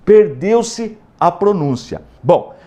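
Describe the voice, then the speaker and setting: A Brazilian Portuguese-accented man teaches a Bible lesson as a pastor, with a high voice that swings widely in pitch. He is emphatic and drills his points by repeating words and sounding out letters one at a time. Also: expressive, takes it slowly, warm tone, dull audio.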